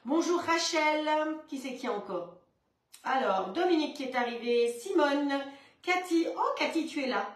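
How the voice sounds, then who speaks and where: A woman's voice: high-pitched, lively intonation, moderate pace. A woman hosting a live cooking stream, chatting as she cooks and greeting viewers by name. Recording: echoey room, mic at a distance.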